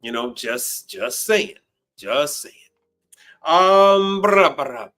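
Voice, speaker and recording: A man's voice: a little high, expressive, drawn-out words, pushed and bright. A man in his fifties hosting a casual call-in live stream, blunt and profane, often repeating himself for emphasis. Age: 50s.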